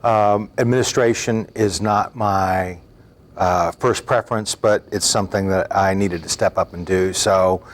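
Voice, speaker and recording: Measured middle-aged man, lowish voice. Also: steady tone. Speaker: talk show guest, university dean.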